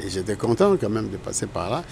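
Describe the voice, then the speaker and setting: Older gravelly Congolese man reminiscing. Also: on the low side, big pitch swings, fast, a little mellow. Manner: rambling, self-correcting storyteller. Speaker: interviewed guest. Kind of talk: casual interview recollection.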